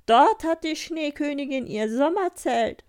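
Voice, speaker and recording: A woman voicing a proud reindeer in a storybook, speaking loudly, slowly and boastfully. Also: sits high, lively intonation, voice pushed up. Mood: longing. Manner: loud, slow and boastful. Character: proud reindeer from the snowy north.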